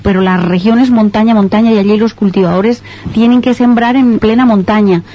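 A woman's voice: medium pitch, steady tone, fairly quick. A woman, a radio guest explaining her country and listing foods one by one. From Colombia. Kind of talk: radio interview. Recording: dull lo-fi radio sound.

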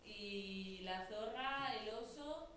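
A woman's voice: mid-range voice, extremely slow, fairly bright tone, a little hiss or hum. A woman teacher reading a story aloud with a student, asking questions and encouraging him. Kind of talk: guiding a student through a read-aloud story.

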